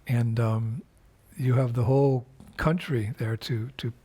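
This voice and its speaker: In his video message, an older spiritual teacher speaks with a medium-pitched voice that is mellow and slightly rough. He is unhurried and reflective, pausing often and filling gaps with fillers and restarts.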